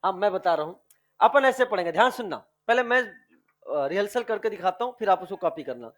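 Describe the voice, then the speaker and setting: A man's voice: high voice, expressive, fairly quick, fairly bright tone. A male chemistry teacher lecturing a class, quizzing students with repeated questions and stretching out key words, addressing them affectionately as dear children.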